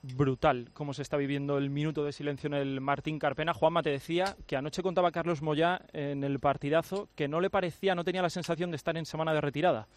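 A man's voice: fairly high pitch, steady tone, fast, hardly any pauses, dry recording. A man hosting a radio sports show from the studio, conversational and asking his colleagues questions.

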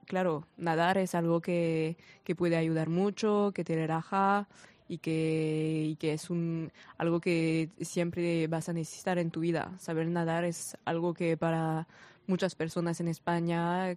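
A woman in her twenties from France with a French accent, answering interview questions haltingly in a language that is not her native one. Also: sits low, darkish tone. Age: 20s. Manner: halting, searching for words in non-native Spanish. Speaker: interview guest, sports volunteer.

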